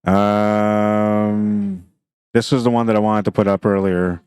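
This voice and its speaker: A man's voice: fairly low pitch, little pitch movement, slow, a little mellow, clean tone, no echo, clean studio sound. A man giving casual play-by-play commentary on a pool livestream, thinking aloud about the shots in a chatty way.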